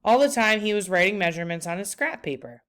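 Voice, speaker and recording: Speaking in a mid-range voice, a woman reads from a children's book like a teacher, giving the story an expressive, deliberate delivery.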